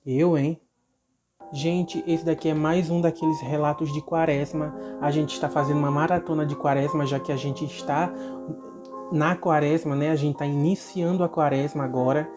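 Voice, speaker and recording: A Brazilian woman host reads out a viewer's supernatural account in a relaxed, conversational way, breaking off to comment to her audience. Her voice sits a little low, and music plays steadily underneath. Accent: Brazilian Portuguese. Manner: chatty, with asides and comments to the audience. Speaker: storyteller and channel host. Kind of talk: casual narration of a viewer's supernatural story. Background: background music.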